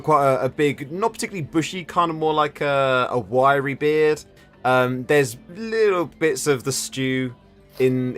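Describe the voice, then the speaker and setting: A man with a medium-pitched voice works as game master, improvising narration for a tabletop game. He describes haltingly, repeating words as he builds each picture, with faint music underneath. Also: a bit bright.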